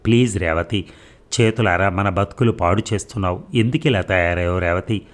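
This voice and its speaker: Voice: sits low, brisk, close to an everyday voice. A man reading as a short-tempered husband. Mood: pleading. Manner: angry, commanding. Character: short-tempered husband, stern then pleading.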